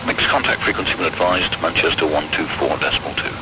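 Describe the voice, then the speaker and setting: Low, rapid male air traffic voice, clipped phrasing, heard through a pilot headset. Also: fairly even intonation. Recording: loud engine noise over radio.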